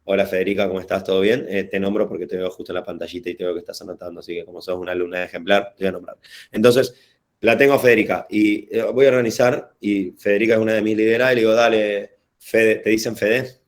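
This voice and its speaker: Low-voiced man with a Rioplatense accent. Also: fairly even intonation, fast talker. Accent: Rioplatense Spanish. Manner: casual, digressive, slangy, hesitant restarts. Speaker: workshop facilitator. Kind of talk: informal online workshop talk.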